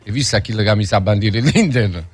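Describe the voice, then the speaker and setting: A man with a Neapolitan accent, hosting a radio show with casual, excitable, jokey banter. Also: lowish voice, a little fast, breathy edge. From Campania, Italy. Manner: excitable, jokey, given to laughing. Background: music.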